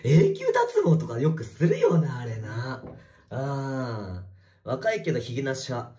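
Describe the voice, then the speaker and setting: A man livestreaming from a bathroom, reading viewer comments in casual chat and swearing at commenters in a rough, teasing way. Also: medium pitch, wildly swooping pitch, measured pace, warm tone. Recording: echoey bathroom.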